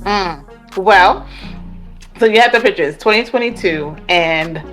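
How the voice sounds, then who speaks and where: A woman from Jamaica, a guest in a casual interview, telling her story in an animated way and acting out the voices of the people she quotes. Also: mid-range voice, a little slow, faint music behind. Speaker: guest entrepreneur.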